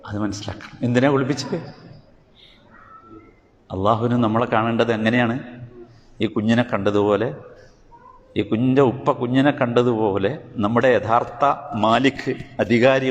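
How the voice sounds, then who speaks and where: A male preacher giving a sermon, asking rhetorical questions and swinging between emphatic highs and quiet lows. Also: normal speed, pauses often. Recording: hall reverb with faint ambient noise.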